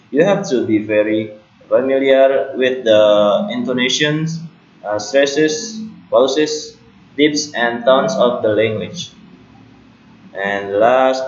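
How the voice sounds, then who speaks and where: Male student presenter, slow and deliberate, roomy lo-fi recording. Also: medium pitch. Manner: slow, careful delivery with small self-corrections. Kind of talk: read academic presentation. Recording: roomy, dull lo-fi home recording.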